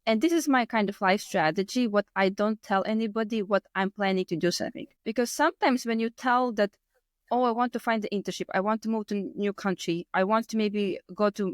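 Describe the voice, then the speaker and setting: A woman in her thirties with a Latvian accent and a medium-pitched voice tells casual personal stories as an interview guest on a podcast. There's no room sound, and her non-native English runs loose in grammar and word order.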